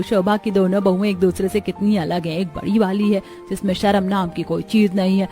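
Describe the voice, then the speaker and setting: Man putting on a gossipy cartoon auntie, slow, high voice, judgy. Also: warm tone, lightly acted. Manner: gossipy, judgmental. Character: gossiping older neighbour woman.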